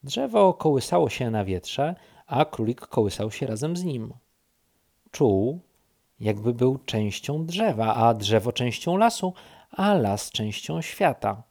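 A man reading a children's story aloud, slow and expressive. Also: medium pitch, gravelly. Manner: slow, lively read-aloud voice.

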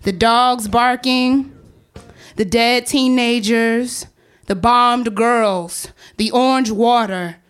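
A woman's voice: fairly high pitch, fairly even intonation, slow pace, clean tone, faint music behind. Woman playing a sly, taunting narrator. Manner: teasing, calls listener girl, sing-song swoops. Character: taunting antagonistic female narrator, sly and relentless. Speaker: stage actor. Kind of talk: theatrical poetic monologue.

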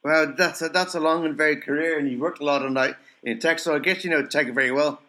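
Man, podcast host; bright, forceful tone, brisk and friendly. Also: on the high side, fairly even intonation. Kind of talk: podcast interview.

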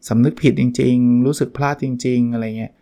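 A man's voice: mid-range voice, steady tone, fairly quick, vocal fry, mellow, smooth. A man hosting a book review podcast, talking casually and acting out short quoted examples along the way. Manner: chatty, acts out little quoted examples. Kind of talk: casual solo podcast talk.

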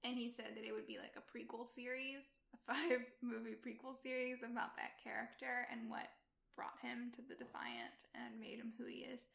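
A woman's voice: a little high, level tone, moderate pace, creaky, fairly bright tone. A woman co-hosting a casual chat, throwing in short teasing remarks and comebacks. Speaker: podcast co-host. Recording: roomy echo.

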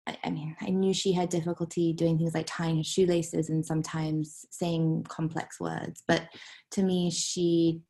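A novelist from Hong Kong, a woman in her thirties, speaks hesitantly as a guest in a casual interview, with many ums and soft whispered moments. Her voice is deep and a little slow, with vocal fry and little pitch movement.

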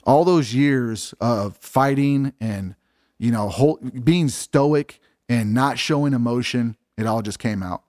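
A man in the middle range of pitch recounts his story in a loose, candid way, full of fillers and casual swearing. His voice sounds close and dry, with no room echo. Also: slow pace, a little mellow. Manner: candid, profane, lots of fillers. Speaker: interview guest.

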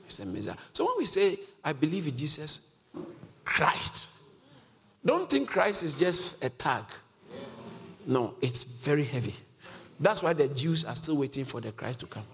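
A man's voice: on the high side, sing-song, moderate pace, vocal fry. A man preaching a sermon that teaches from scripture, emphatic and questioning, with frequent chuckles. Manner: emphatic, asks the congregation questions, chuckles often. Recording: reverberant hall with faint music.

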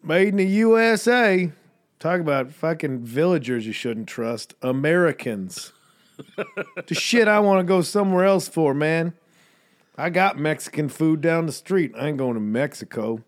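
A man's voice: fairly high pitch, animated, normal speed. A man co-hosting a podcast in casual chat, sarcastic and profane, full of joking banter. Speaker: podcast co-host.

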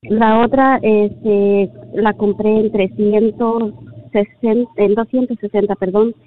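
A middle-aged woman heard over a tinny, narrow phone line as she calls in to an advice show. She talks hesitantly, pausing and filling gaps, at an ordinary mid pitch for a woman. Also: steady tone, a little hiss or hum. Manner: hesitant, many fillers. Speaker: caller to a radio advice show. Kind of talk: casual phone call.

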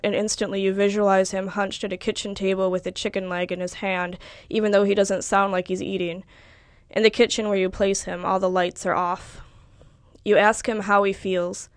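A woman reads literary fiction aloud in a measured, even way. Her voice sits at a middle pitch. The recording is close and dry, with no room echo. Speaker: reader.

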